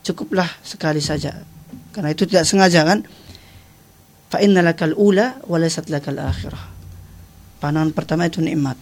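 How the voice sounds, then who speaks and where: Man, didactic radio religious talk, higher pitch, short tagged phrases. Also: brisk, long pauses. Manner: didactic, punctuates phrases with short checking tags. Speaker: Islamic teacher, studio guest.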